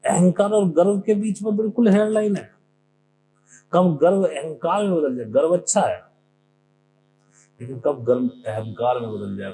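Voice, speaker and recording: Man, spiritual speaker, gravelly voice; conversational discourse that draws on his own life, with a hum and noise under it. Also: on the high side. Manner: often mimics what others said. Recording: noisy recording with a steady hum.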